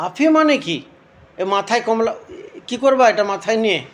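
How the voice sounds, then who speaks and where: Woman, talking to a toddler, playful coaxing, lively rising and falling voice, keeps repeating questions. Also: on the high side, normal speed, noisy background. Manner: repeats simple questions over and over; scolds gently with tutting sounds. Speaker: parent filming her toddler.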